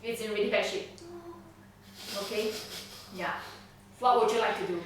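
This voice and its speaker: A woman's voice: medium pitch, moderate pace, a little hiss or hum. A woman narrating a tabletop game as game master, chatty and casual, often checking in with her players. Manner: casual, chatty, frequent laughs and "okay?" checks. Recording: roomy echo, distant mic.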